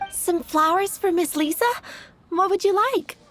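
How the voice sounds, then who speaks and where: A young flower seller speaks in a very high, bright voice. She stammers nervously and keeps apologizing. Faint game music plays behind her. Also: a little slow. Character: flustered young woman flower shop seller. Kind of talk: video game voice acting.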